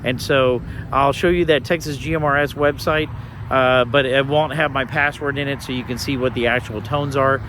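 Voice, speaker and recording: A man's voice: mid-range voice, fairly even intonation, moderate pace, a bit bright. A man from Colorado talking casually and informally as an amateur radio operator hosting an outdoor vlog, rambling as he goes. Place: outdoors in a state park. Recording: outdoor ambient and vehicle noise.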